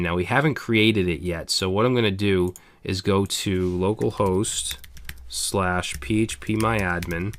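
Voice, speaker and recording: A man, slightly hoarse, casually explaining a programming tutorial step by step, with frequent "okay" and "all right". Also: sits low. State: slightly hoarse, losing his voice. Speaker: programming instructor. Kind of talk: screencast coding tutorial.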